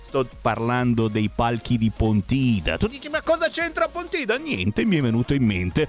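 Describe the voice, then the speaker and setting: A male radio host talks at a slow, drawn-out pace, his voice leaping high and dropping low as he jokes his way through the show. He sits at a studio microphone, and faint music plays behind him. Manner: theatrical, jokey, swings pitch up and down.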